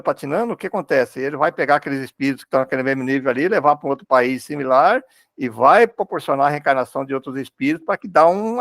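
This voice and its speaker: A Brazilian man talks through ideas in a religious study group. His voice is gravelly and sits a little high. He halts and repeats words while he searches for the next thought, recorded close in a dry room. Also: no echo. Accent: Brazilian Portuguese.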